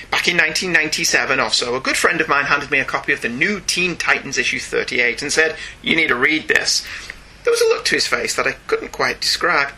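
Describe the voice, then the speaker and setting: A man from northern England with a Northern English accent and a slightly high, husky voice hosts a casual comics podcast. Jokey and animated, he reads listener emails and keeps digressing into joking asides.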